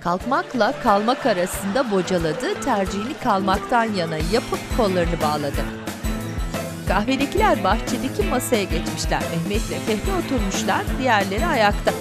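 A woman narrating an audio description in a calm, even way. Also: medium pitch, normal speed, over loud music.

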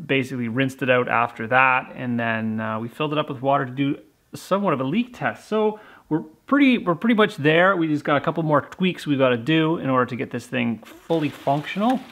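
A man in his thirties, chatting casually as he films himself outdoors in a snowy forest, relaxed and full of fillers and restarts. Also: mid-range voice, fairly quick, no echo. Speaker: homesteading vlogger. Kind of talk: casual vlog narration. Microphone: handheld camera held at arm's length.

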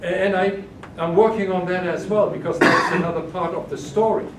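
An older German keynote speaker with a high voice and fairly even intonation moves at a moderate pace through audience questions, faltering with restarts and fillers. He was recorded from a distance by a room camera in a large carpeted conference room, producing an echoey, noisy sound.

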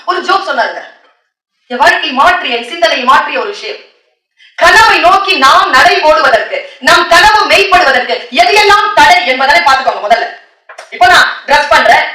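A woman giving a motivational speech, telling stories, often laughing and slowing down for solemn lines. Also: high voice, sharp tone, distant mic. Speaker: motivational speaker. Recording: echoey hall, voice from off the mic.

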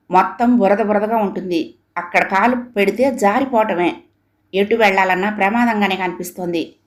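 A woman narrating a suspense story in a steady, measured reading voice. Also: medium pitch. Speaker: audiobook narrator.

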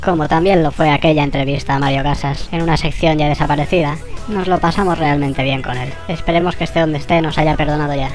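A channel host with a Spain Spanish accent, voice sped up like a tape on fast forward, giving a sarcastic, swear-laden anniversary monologue. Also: medium pitch, fairly even intonation, faint music behind. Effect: sped-up squirrel voice, like a tape on fast forward.

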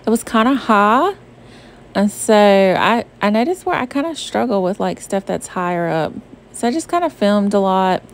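Medium-pitched, expressive, and moderately paced, a young Southern woman gives a bubbly voice-over of her shopping trip. She peppers it with "um" and "like," and it was recorded away from the store on screen with faint music behind it.

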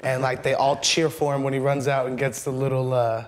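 A man's voice: medium pitch, flat delivery, brisk. A young man, a football player, chatting in a laid-back way in an interview. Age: young adult.

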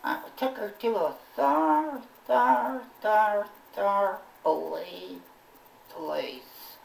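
A man's voice: high voice, extremely slow, gravelly, full character voice. A ventriloquist man voicing a bumbling, folksy old male bird puppet who rambles in country talk. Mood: rambling. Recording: roomy echo, from far off.

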